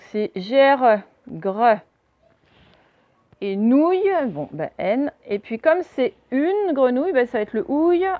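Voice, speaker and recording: A woman's voice: high voice, darkish tone. Patient woman teaching a spelling lesson. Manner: patient, spells out letters slowly.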